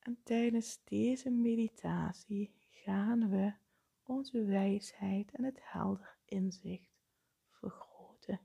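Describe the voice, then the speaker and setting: A woman leading a guided meditation, speaking softly with frequent breathy, half-whispered phrases. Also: mid-range voice. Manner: slow, soft-spoken, often breathy and whispered.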